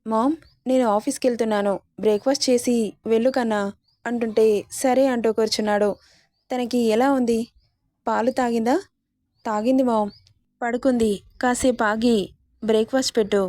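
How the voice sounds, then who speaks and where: A woman narrating a romantic story, reading every character's lines herself in the same steady voice. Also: on the high side, no echo, studio quality. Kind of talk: narrated romance audiobook, voicing all characters.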